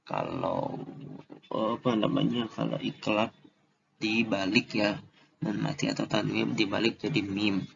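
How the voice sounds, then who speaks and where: A man teaching Quran recitation rules in a casual lesson, slow and deliberate, drawing out the recited examples. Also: fairly low pitch, lively intonation, gravelly, lo-fi sound, background noise.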